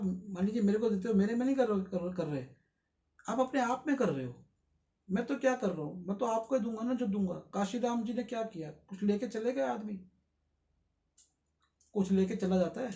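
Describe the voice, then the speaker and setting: A man's voice: high voice, a little mellow, highs cut off. A man giving an interview, explaining at length in an earnest, lecturing way and putting rhetorical questions to his listeners. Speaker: interview guest.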